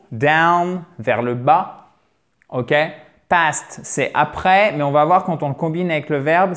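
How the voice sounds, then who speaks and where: Upbeat man teaching an online class. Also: on the high side. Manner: encouraging, repeats words slowly for drill; frequent "ok?" check-ins. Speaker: English teacher. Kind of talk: online lesson.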